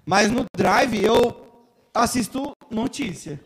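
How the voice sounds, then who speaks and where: Loud high-voiced joking man. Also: takes it slowly, heavy background noise. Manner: loud, joking, gossipy storytelling. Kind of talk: casual chat.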